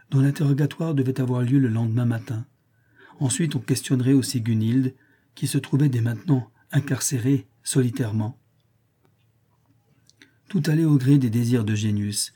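A man narrating a literary audiobook in a measured, even storytelling manner. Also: mid-range voice, breathy edge.

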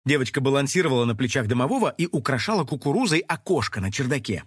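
A man narrating a children's audio story in an animated, scripted style. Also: mid-range voice, fast, breathy edge, no room sound, clean studio sound.

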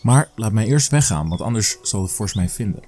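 A man's voice: lowish voice, animated, darkish tone. A man voicing a clever small male mouse deer trickster, cunning and pleading, in a storybook reading. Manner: pleading, cunning and quick-witted.

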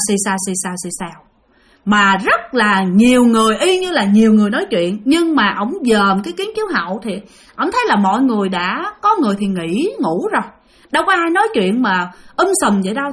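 A woman with a slightly high, fairly bright voice tells a ghost story. She keeps it chatty and talks straight to her listeners.

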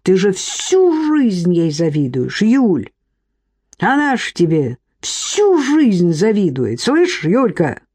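Brief: woman doing a drunk, belligerent tall man, shouting accusations in a storybook reading. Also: on the low side, huge pitch swings, slow pace, slightly rough, dry recording, exaggerated voice. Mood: drunken shouting. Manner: aggressive, shouting.

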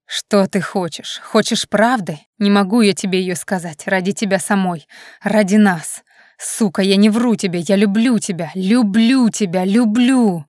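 A commanding young man with a dark, flat edge, as a woman reading aloud lowers her voice for him, and it sounds dry and close, with no room around it. He bites off every line with cold, stubborn control, like someone used to getting his way. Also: measured pace, no echo, lightly acted. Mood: pleading angrily. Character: angry controlling young man, jealous lover.

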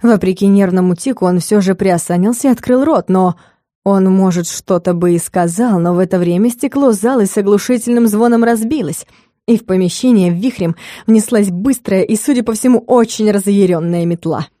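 A woman narrating a comic fantasy audiobook in a measured, expressive way. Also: medium pitch, dry recording, clean studio sound.

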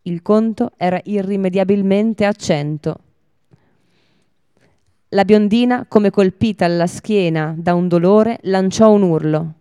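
A woman reading a fairy tale aloud on a radio broadcast, in a steady, measured storybook manner. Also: medium pitch, smooth, no room sound, clean studio sound.

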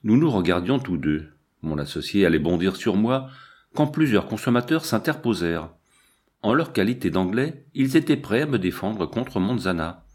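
A man reading a novel aloud in a measured, storytelling way. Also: lowish voice, animated, darkish tone, husky. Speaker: audiobook narrator. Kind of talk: scripted narration.

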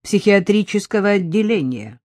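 A reader putting on a stocky, stern militiaman who talks in a dry, bureaucratic way. The voice sits a little higher and louder than the narration, recorded close and dry. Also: very animated, normal speed, no room sound, natural voice. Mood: officious.

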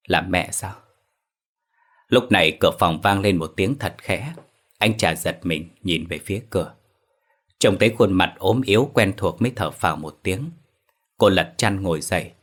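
A man narrating a horror audiobook in a steady, measured way. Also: low voice. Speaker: storyteller.

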